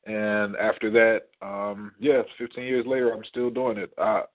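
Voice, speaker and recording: A man in his thirties, raised in Atlanta, with a Midwestern accent, talking in a relaxed, easygoing way as a tattoo artist guest on a radio show. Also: lowish voice, unhurried. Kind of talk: casual interview. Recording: tinny phone line.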